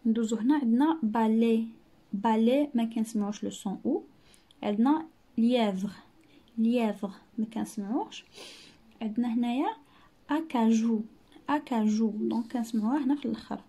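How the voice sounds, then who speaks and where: A woman teacher with a Moroccan Arabic accent, explaining exercises patiently, repeating words and sounding out French syllables slowly. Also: a little high, warm tone, slightly rough. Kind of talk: classroom-style lesson narration.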